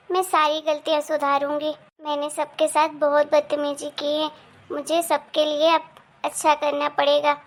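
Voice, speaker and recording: A woman voicing a young daughter-in-law in an animated family story, eagerly polite and sweet. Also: high-pitched.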